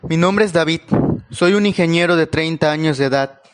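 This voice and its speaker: Calm man narrating horror. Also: fairly high pitch, moderate pace, smooth. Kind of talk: first-person horror story narration.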